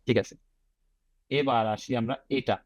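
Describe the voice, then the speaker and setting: A man's voice: mid-range voice, fairly even intonation, unhurried, no room sound. A man with a Bangladeshi accent teaching an online IELTS class, breaking words into sounds and having students repeat them. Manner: drills words syllable by syllable, mixing English phrases into his explanations.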